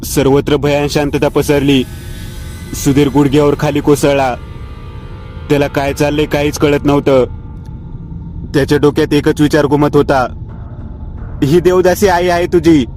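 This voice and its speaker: A male storyteller giving a steady scripted narration of a horror story. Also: fairly high pitch, moderate pace, pauses often, slight background noise. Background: faint background music.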